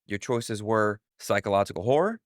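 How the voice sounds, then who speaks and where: A man's voice: on the low side, expressive, normal speed. Guy hosting a game podcast, chill jokey vibe, dry sound no room echo. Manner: upbeat, jokey, runs the segments. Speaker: podcast host. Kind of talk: casual podcast chat.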